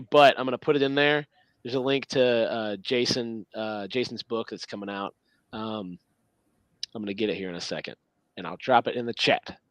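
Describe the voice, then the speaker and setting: Man with a clear, cold-strained voice. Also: mid-range voice, no echo. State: voice slightly breaking from a cold. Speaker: live show co-host. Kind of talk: casual livestream chat.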